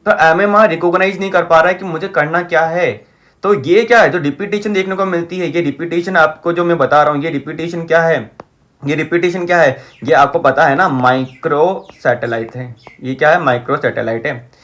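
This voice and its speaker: A man's voice: on the high side, a little fast, fairly bright tone. A man teaching a lecture at a whiteboard. He speaks, repeats key terms and keeps checking with the class.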